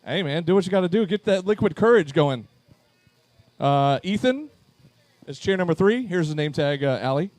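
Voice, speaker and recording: A man's voice: on the high side, lively intonation, moderate pace, a little mellow, no echo, soft background music. A man emceeing a live charity event at a pub, upbeat as he calls names to chairs on a handheld microphone.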